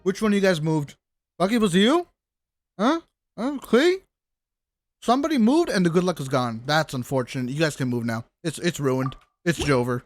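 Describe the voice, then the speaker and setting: Soft music plays behind this man as he streams a game, his talk loose, jokey and full of exclamations and profanity. He speaks at a normal speed in an expressive voice that runs on the high side.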